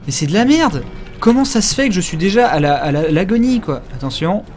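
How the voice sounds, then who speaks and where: A man's voice: sits high, sing-song, brisk, a little mellow, faint music behind. A man giving casual live commentary while playing a video game, rambling and crude, joking with many fillers. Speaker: game streamer.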